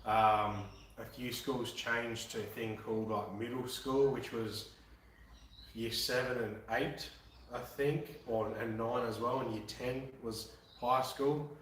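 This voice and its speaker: Streaming live from a garage, a laid-back Australian man in his twenties from Western Australia talks with viewers, swearing occasionally. He speaks slowly in a mid-range, fairly even, slightly bright voice, with a little hiss or hum, heavy room echo, and a distant mic.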